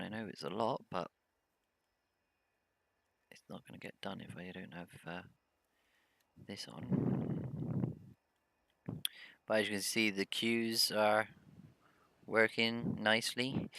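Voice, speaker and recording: A man's voice: lowish voice, pushed and bright, clean tone. A man casually commenting on his own gameplay, rambling with many hesitations and humming to himself. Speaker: gameplay video host. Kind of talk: casual let's-play commentary.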